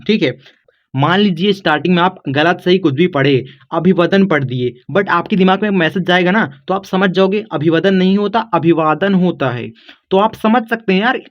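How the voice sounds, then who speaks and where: A man gives a casual lesson in a fairly high voice. He coaxes his listeners and keeps checking in with them. The recording sounds dull and lo-fi. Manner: coaxing, repeats "theek?" often. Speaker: English teacher.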